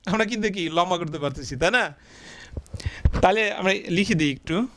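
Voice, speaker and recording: A male teacher giving a blackboard grammar lesson, asking the class questions, answering them himself and drawing syllables out slowly as he writes. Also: high-pitched, a bit bright, a little hiss or hum. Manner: stretches out syllables slowly while writing.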